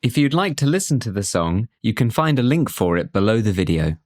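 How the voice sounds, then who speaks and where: A man narrating a scripted programming course as instructor, in a clear, measured way with light humor. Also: fairly low pitch, big pitch swings, a little mellow, no echo, clean studio sound.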